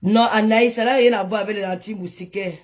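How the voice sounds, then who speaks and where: A woman's voice: mid-range voice, fairly even intonation, fast talker. A woman streaming live from home on her phone, chatting with followers, showing items to the camera and scolding viewers who comment. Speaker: social media influencer.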